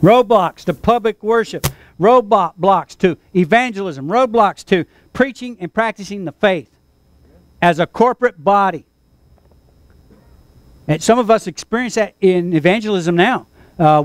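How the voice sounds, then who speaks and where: Pastor, male, high voice, emphatic sermon delivery with call-and-response. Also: no echo. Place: church.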